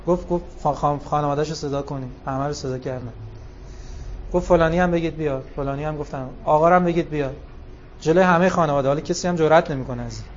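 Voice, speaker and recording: Animated man preaching, higher voice. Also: dull audio, a little hiss or hum. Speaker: religious speaker. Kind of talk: sermon with storytelling.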